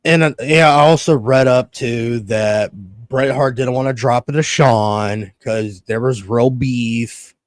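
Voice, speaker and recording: In clean studio sound with no room noise, a medium-pitched man in his early thirties speaks at a slow pace. He hosts a casual podcast, ranting and storytelling with lots of swearing and acted-out, quoted reactions.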